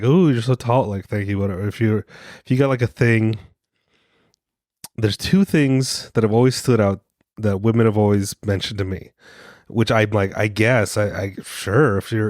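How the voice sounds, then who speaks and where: In a clean studio recording with no room sound, a man co-hosting a podcast rambles casually, joking and mocking himself. His soothing voice has a fairly low pitch and a darkish tone, and a cold leaves him a little congested.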